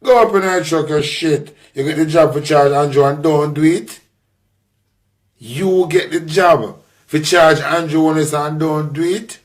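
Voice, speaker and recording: A man's voice: on the high side, unhurried. A man with a Jamaican accent ranting informally in patois, blunt and scolding, with curses.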